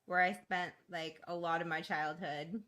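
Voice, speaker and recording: A candid woman who grew up in East Boston speaks a little low for a woman, chatting loosely with many fillers and easy laughs. She tells her story plainly in a relaxed interview over a call. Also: measured pace. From East Boston, Massachusetts. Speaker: guest. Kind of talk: casual interview.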